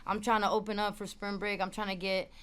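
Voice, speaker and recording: A young adult woman, the guest musician, chatting casually in an interview, full of slang and shout-outs. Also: medium pitch, level tone, fast, smooth.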